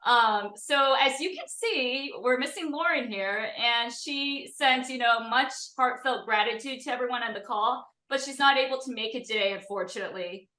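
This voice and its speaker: A woman's voice: on the high side, moderate pace, hardly any pauses, roomy sound. A woman hosting a community video call, chatty and full of fillers. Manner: chatty, lots of fillers, warm thanks. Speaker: community host.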